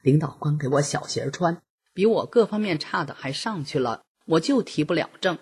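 A woman's voice: low voice, expressive, moderate pace, darkish tone, breathy edge, heavily acted. A woman voicing a blunt, easily riled retired woman clerk who speaks her mind, in a story read aloud. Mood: aggrieved. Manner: outspoken, complaining.

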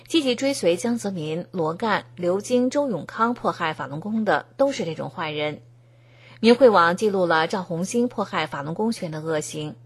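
A woman reads scripted news narration in a steady, formal way. Her voice sits on the low side and has a husky, slightly breathy edge. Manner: even, formal reading tone. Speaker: news reader.

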